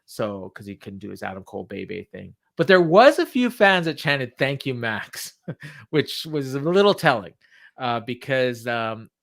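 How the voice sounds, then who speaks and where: A man casually recapping from memory as a podcast co-host, halting and backtracking as he paraphrases what was said. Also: mid-range voice, sing-song, vocal fry, a bit bright.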